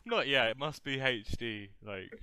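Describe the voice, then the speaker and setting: A man's voice: mid-range voice, unhurried, sharp tone. A young man chatting casually on a podcast, rambling and laughing often. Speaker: podcast regular. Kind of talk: casual chat.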